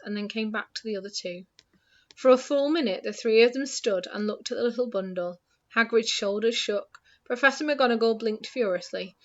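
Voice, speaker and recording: A woman reading a storybook aloud in a steady, hushed way that softens at the ends of lines, in a dull lo-fi recording. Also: a little high.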